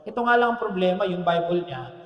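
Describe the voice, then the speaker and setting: A man's voice: high-pitched, animated, fairly quick, muffled recording. A man preaching a sermon as pastor, telling a story and asking the congregation for amens, with jokes along the way. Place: church hall. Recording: echoey hall, long reverb.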